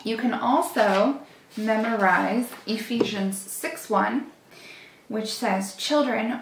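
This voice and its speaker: Give me a young woman leading a children's Bible lesson, warm and encouraging, in an echoey room. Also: medium pitch, creaky, recorded from a distance. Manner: gentle, encouraging, speaks directly to children. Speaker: children's church teacher. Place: small indoor room, seated at a table before a plain wall.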